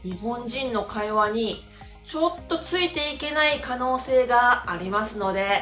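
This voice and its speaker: A Japanese woman teaching pronunciation in a clear, deliberate lesson style. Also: a little high, expressive, sharp tone, roomy sound, faint music behind. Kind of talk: scripted language lesson.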